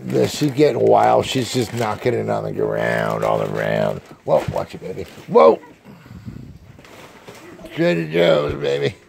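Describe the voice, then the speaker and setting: A man's voice: fairly low pitch, huge pitch swings, moderate pace, gravelly, few pauses, darkish tone. A man playfully narrating a casual home video of his young child at home, teasing and chatty. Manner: playful, teasing running commentary. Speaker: parent filming his child.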